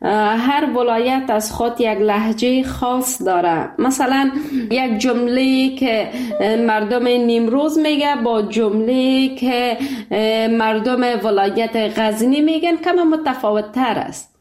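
A woman's voice: a little high, darkish tone, roomy sound. A woman hosting a live radio call-in show, polite and formal with callers.

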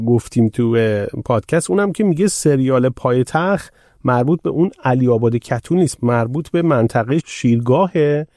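A man's voice: mid-range voice, expressive, dark tone, no room sound, clean studio sound. A man hosting a casual podcast, reading out listener questions and chatting in a conversational way. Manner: conversational, tells anecdotes, reads out listener questions.

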